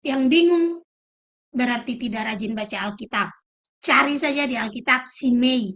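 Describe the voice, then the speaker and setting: A middle-aged woman preaches with a high, bright voice. Her delivery is emphatic and lively, and she breaks into acted-out quotes. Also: moderate pace. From Indonesia. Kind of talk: sermon.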